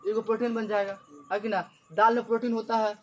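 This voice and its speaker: A man's voice: high-pitched, little pitch movement, fast, background noise. A man teaching a classroom biology lesson, drilling students with repeated questions. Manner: repetitive question-and-answer teaching. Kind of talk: classroom lecture.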